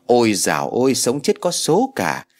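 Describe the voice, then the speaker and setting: A tactless, gossipy older woman in an audio storybook, voiced by a man speaks brashly and with a lively pitch. The line sits over faint music. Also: moderate pace.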